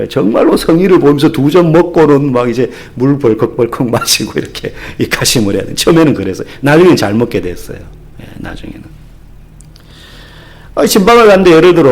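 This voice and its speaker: A man from the Gyeongsang region of Korea, a pastor giving a sermon, telling stories with acted asides and humor. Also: fairly high pitch.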